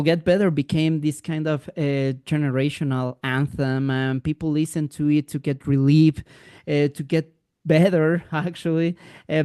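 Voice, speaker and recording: A male interviewer with a fairly high, smooth and resonant voice, recorded dry and close. He asks his questions haltingly, with frequent fillers. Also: a little mellow, dry recording. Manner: hesitant, full of "uh" fillers, laughs along. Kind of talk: casual interview.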